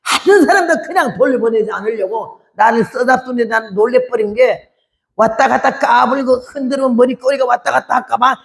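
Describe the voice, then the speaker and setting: A woman in her eighties, a missionary, giving an animated testimony sermon and acting out the voices in her story. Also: fairly high pitch, a little fast, creaky. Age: 80s.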